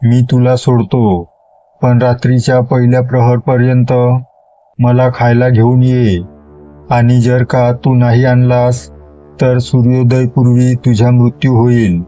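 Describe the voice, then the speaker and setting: A man's voice: medium pitch, monotone, measured pace, dark tone, lo-fi sound, faint music behind, close to an everyday voice. A man voicing a menacing male spirit that haunts a tree, speaking in a threatening, commanding way.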